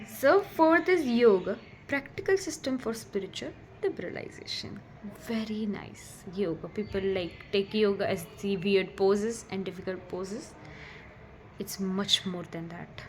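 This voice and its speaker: A woman in a casual vlog, explaining scriptures with chatty, excitable asides and frequent restarts. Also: mid-range voice, unhurried, soft background music.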